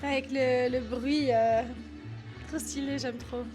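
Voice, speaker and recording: A woman's voice: high voice, steady tone, takes it slowly, music in the background. A woman hosting a casual dance reaction vlog, chatty and exclamatory, talking with lots of fillers. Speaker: dance video host.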